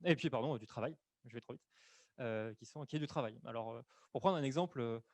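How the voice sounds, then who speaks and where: A man's voice: medium pitch, fast talker, darkish tone, no room sound. A man presenting an explanatory webinar on camera into a desk microphone, hesitant, with many fillers and self-corrections. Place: room at home or office, on camera.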